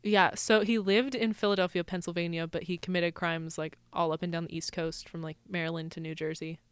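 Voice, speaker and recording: A woman's voice: on the low side, level tone, a little fast, clear, resonant tone, no room sound. A college-age young woman co-hosting a casual true crime podcast, chatty, laughing often and saying "like" a lot. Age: college-age young adult. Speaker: podcast co-host.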